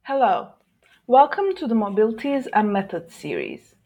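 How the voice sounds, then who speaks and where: A woman's voice: fairly high pitch, very animated, normal speed. Woman hosting an academic interview. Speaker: podcast interviewer. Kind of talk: scripted introduction and interview questions.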